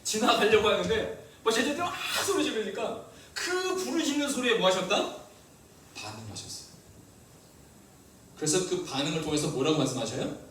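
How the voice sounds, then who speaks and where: A male pastor preaching a sermon, lively and asking the congregation questions. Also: high-pitched, normal speed, pauses often, very echoey, distant mic, slight background noise, low-quality recording. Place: church hall.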